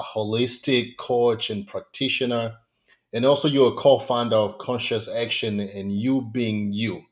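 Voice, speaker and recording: A male podcast host with a somewhat low voice chats with his guest, full of eager reactions and loosely strung questions. His phrasing wanders, with fillers and restarts. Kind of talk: casual interview talk.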